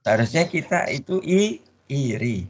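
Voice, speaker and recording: A man teaching a religious study class. He pauses mid-word so the audience can finish it. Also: medium pitch, big pitch swings, a little hiss or hum. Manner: call-and-response, leaves words half-said for the audience to finish. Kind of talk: Islamic study lecture. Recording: dull lo-fi recording.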